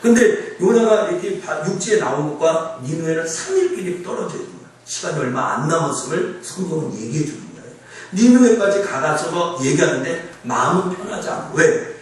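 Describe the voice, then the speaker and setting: With a fairly high-pitched voice, a male pastor gives an animated, conversational sermon in a church sanctuary, often turning questions to the people in the pews. It was recorded from a distance in a hall full of echo.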